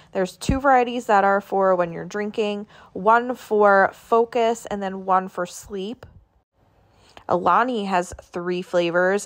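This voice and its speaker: A woman vlogging a casual walk through a grocery store, chatting about products and prices as she films on her phone. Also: mid-range voice. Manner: chatty, listing items and prices. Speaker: shopping vlogger.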